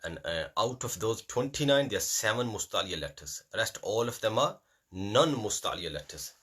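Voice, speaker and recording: A man leads a classroom Qur'an lesson. His voice sits low and sounds husky, yet it carries a bright, forceful edge. He repeats letters over and over, slipping in Urdu asides. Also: expressive, normal speed. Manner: repetitive, drills letters aloud, mixes in Urdu phrases. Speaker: Qur'an teacher.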